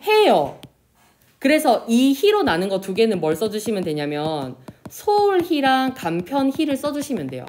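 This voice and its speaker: Lady teacher walking a class thru spelling rules, pitch bouncing all over, stretches out example words. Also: slight background noise. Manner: lively, pronounces example words slowly and drawn out; asks the class questions and answers them herself. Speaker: Korean language teacher. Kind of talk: classroom lecture.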